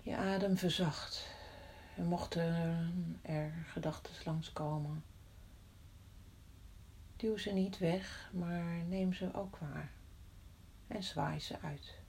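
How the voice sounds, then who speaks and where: A woman guides a body-scan meditation in a soft voice that often drops to a whisper. She talks very slowly and calmly, leaving long pauses. Her tone is low and mellow. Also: vocal fry, slight background noise. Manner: slow, calm, with long pauses.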